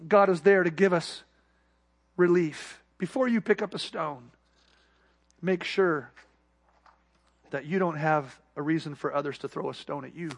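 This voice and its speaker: Man, pastor, sermon, high-pitched voice, emphatic then hushed delivery. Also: a little slow, long pauses. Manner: preaching with rising emphasis and soft, quiet asides.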